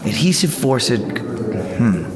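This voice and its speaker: A man's voice: medium pitch, very animated, slow, music in the background. A young man playing an earnest, awkward college student hero in an audio drama, hesitant and stammering. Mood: musing. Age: young adult. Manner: hesitant, stammering, self-effacing.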